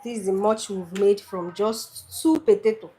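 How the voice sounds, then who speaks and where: A woman's voice: medium pitch, moderate pace, dark tone, low-quality recording. A woman with a Nigerian Igbo accent hosting a casual cooking tutorial, chatty and repeating her points for emphasis. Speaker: cooking channel host.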